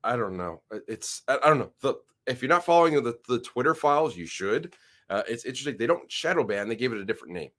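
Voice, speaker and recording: Sharing his screen, a man runs through the news in casual commentary on his own channel. His mid-range voice is animated and fairly bright, slightly nasal from a head cold, and he rambles, frequently stopping to restart sentences.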